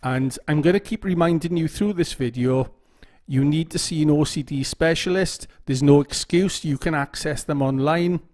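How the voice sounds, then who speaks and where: This man, who makes YouTube videos about OCD, has a fairly high, darkish voice and speaks at a normal speed. His instructional talk to camera is casual, full of repeated phrases and frequent "okay?" check-ins.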